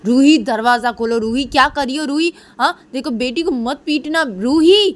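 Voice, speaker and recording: A woman's voice: fairly high pitch, a little fast, mellow, pitched above the performer's own voice, lightly acted. A woman voicing an anxious young woman who urgently pleads with her partner. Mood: pleading.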